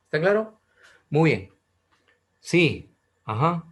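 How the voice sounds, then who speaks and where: A man's voice: a little high, very animated, slow, fairly bright tone, poor audio. A middle-aged man teaching an online class in a chatty, questioning way, often repeating his key points.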